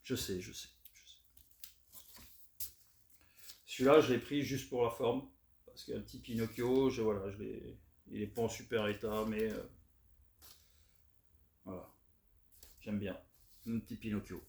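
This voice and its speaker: A man chatting casually as he shows off his record finds, relaxed and hesitant with many fillers. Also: lowish voice, unhurried, vocal fry, long pauses. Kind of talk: casual unboxing chat. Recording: roomy echo, faint noise.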